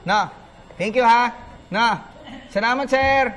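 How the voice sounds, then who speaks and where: A man's voice: very high-pitched, fairly even intonation, takes it slowly, a bit bright, a little hiss or hum. A man hosting a sports talk show in a studio, bantering casually and joking with callers. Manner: joking, teasing, easygoing.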